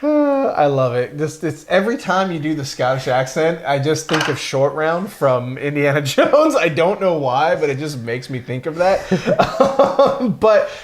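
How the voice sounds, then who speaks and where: A man's voice: on the high side, big pitch swings, a little slow, few pauses. A man co-hosting a casual whiskey review, talking enthusiastically and rambling with many fillers.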